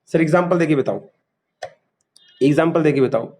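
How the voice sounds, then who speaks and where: A man's voice: a little high, normal speed, darkish tone. A man teaching a class, quizzing students and repeating key terms. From India. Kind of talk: classroom lecture.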